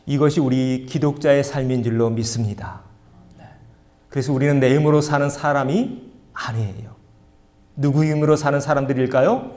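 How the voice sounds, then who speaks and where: A male pastor preaching a sermon, reading scripture aloud slowly and leading the congregation in call and response. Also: medium pitch, a little mellow.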